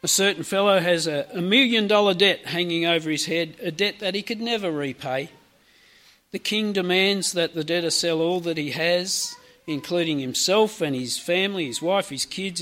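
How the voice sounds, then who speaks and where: A man's voice: sits high, fairly bright tone. A man preaching a sermon, retelling a parable in a conversational, storytelling way with asides to the congregation.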